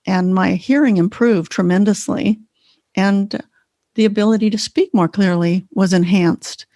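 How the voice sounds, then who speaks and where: A woman's voice: mid-range voice, steady tone, measured pace, dark tone, no echo, clean studio sound. A woman co-hosting a podcast as a Feldenkrais teacher, explaining in an earnest, conversational way. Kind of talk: casual conversation.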